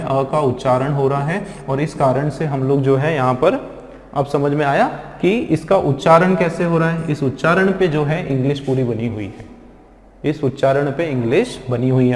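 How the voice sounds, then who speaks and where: A man with a fairly high voice gives a classroom lesson on pronunciation. He explains step by step and keeps asking the class whether the point is clear. The room echoes, with a long reverb trailing his words. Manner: explains step by step, often asks the class questions. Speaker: spoken English teacher.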